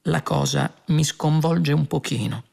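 A man voicing Arthur, a bewildered and anxious ordinary man, halting and slow, in an audiobook. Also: fairly high pitch, vocal fry, a little mellow, exaggerated voice. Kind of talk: audiobook character voice.

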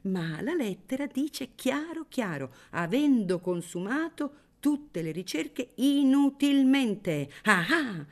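A woman's voice: sits high, sing-song, takes it slowly, hardly any pauses, voice pushed up, exaggerated voice. A woman playing a pompous courtroom lawyer. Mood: declaiming. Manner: oratorical, courtroom declaiming. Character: pompous middle-aged male lawyer, sly. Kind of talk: audiobook character reading.

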